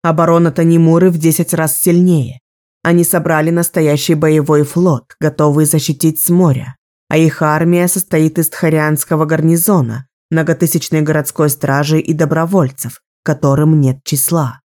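A young sorceress plotting her next move, voiced by a woman reading an audiobook. Her voice sits low and mellow, calm and measured. She speaks with quiet decisiveness. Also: lightly acted. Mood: resolute. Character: resolute young female sorceress, strategist.

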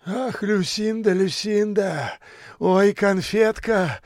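Male reader as a tall vagrant, high and excitable, gushing and yelling. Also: slow, dry recording, clean studio sound. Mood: rapturous. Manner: rapturous, then yelling.

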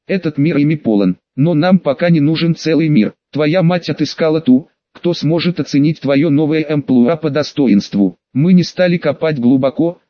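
A sinister dark lord speaks in a coaxing, wheedling way, as a male audiobook reader puts him on. The voice sits a touch higher than most men's, and the recording is dry and dull, like a lo-fi home setup. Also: no echo, lightly acted. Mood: persuasive.

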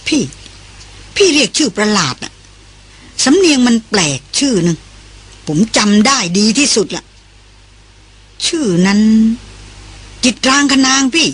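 A woman voicing a young male helper who speaks softly and hesitantly. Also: a little high, very animated, a little slow, long pauses, husky, pitched above the performer's own voice, full character voice. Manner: soft, hesitant.

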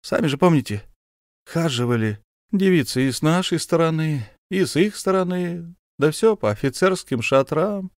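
A man's voice: a little high, lively intonation, moderate pace, no room sound, studio quality, pitched above the performer's own voice. A man doing Khvostov-Pogibelsky, a cautious polite officer. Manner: hesitant, deferential, old-fashioned polite speech. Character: cautious polite army staff captain, old comrade.

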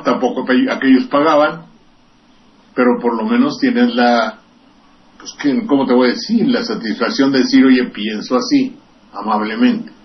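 Older Mexican man, sardonic rambling radio rant. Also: mid-range voice. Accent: Mexican Spanish. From Veracruz, Mexico. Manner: rambling, sardonic and profane, with digressions. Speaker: radio commentator and host. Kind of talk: political commentary on radio. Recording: distant, dull lo-fi radio recording with faint hiss.

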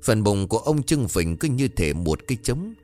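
A man's voice: lowish voice, very animated, moderate pace, darkish tone. A man narrating a ghost story and voicing its characters in the dialogue. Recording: faint music behind.

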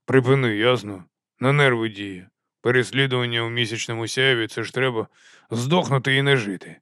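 A shabby old watch corporal who mumbles, wheezes and grumbles in a hushed, furtive voice, as a man puts him on for a storybook. It sits close and dry on the mic. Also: medium pitch, fairly quick, no echo, lightly acted. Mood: grumbling. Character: scruffy, wheezing, shifty older night-watch corporal.

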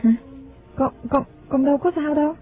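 A man's voice: very high voice, steady tone, normal speed, slight background noise, pitched above the performer's own voice. A man reading an audiobook voices a worried middle-aged mother who coaxes and reassures in an anxious way. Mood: anxious coaxing. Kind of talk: audiobook character voice. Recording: phone-like sound, faint music.

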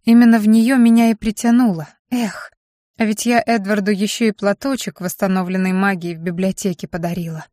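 A woman narrates a first-person fantasy audiobook, telling the story expressively. Her voice sits at a middle pitch for a woman. The recording is dry and close, with no room sound. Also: steady tone, a little fast, dark tone, dry recording.

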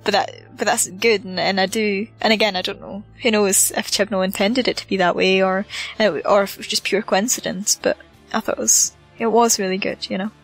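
A woman's voice: medium pitch, fairly even intonation, a little fast, soft background music, rough recording. A woman in casual discussion, thoughtful and loose, hedging as she talks.

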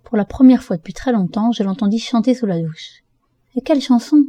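A woman narrates a first-person story for an audiobook at a steady, measured pace. Her voice is very dark and mellow, and the recording is dry and close. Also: fairly high pitch, no room sound. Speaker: audiobook reader.

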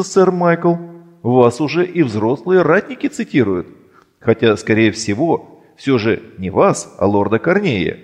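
A man's voice: mid-range voice, darkish tone, in a large hall. A man voicing a wry male inner voice that addresses the hero in a mock-formal way.

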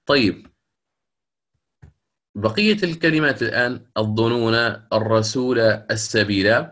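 A man teaching Quran recitation rules in a lecture, explaining patiently, asking his students questions and slowing down to recite verses. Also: mid-range voice, a bit bright.

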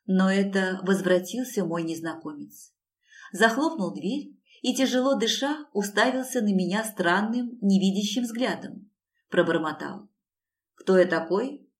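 Woman reading a dramatic first-person story. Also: on the low side. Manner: emotional, intense delivery. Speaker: audiobook narrator.

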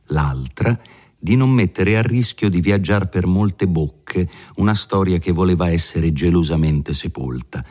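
A man narrating a classic novel for an audiobook in a measured, expressive literary reading. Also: low voice.

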